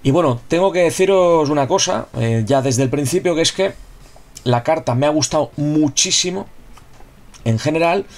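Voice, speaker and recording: A man's voice: medium pitch, darkish tone. A man giving a casual, chatty video review of a football game card, often repeating himself and asking rhetorical questions. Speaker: gaming YouTuber reviewing a player card.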